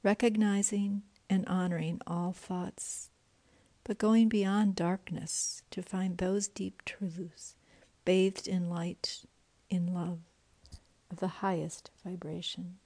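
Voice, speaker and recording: A woman leading a guided meditation in a soft, breathy voice that often drops to a whisper. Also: fairly low pitch, little pitch movement, slow.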